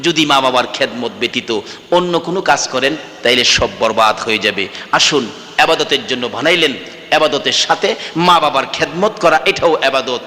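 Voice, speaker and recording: A man from Bangladesh preaching a waz sermon, swinging between shouted fervor and low storytelling, sometimes chanted. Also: a little fast, in a large hall.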